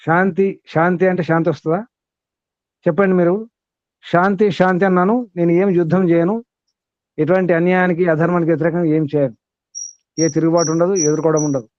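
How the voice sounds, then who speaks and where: Male teacher, upper-middle pitch, emphatic rhetorical style, dry dull recording. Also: steady tone, fairly quick, long pauses, dry recording. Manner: asks many rhetorical questions, emphatic. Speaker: spiritual teacher. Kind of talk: discourse with questions to students.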